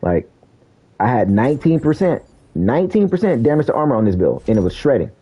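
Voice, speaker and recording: This gaming streamer's voice is sing-song, brisk, mellow and slightly rough as he casually narrates live gameplay. He's slangy, calls out enemies, and says "bro" often. A bad mic yields low-quality stream audio with the highs cut off.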